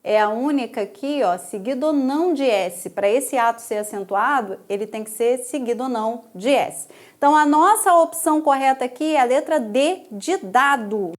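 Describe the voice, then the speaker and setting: A Brazilian woman with a high voice teaches a grammar lesson for exam candidates. She explains each step patiently and keeps checking in with her students through frequent tag questions. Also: lively intonation, moderate pace. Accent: Brazilian Portuguese.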